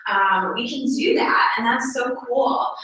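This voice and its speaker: A woman's voice: fairly high pitch, a little slow, sharp tone. A young woman chatting with many fillers as she leads a livestreamed unit meeting. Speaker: unit director leading a sales meeting. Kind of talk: casual meeting talk, livestreamed. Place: echoey meeting room. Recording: echoey room, far from the mic, faint noise.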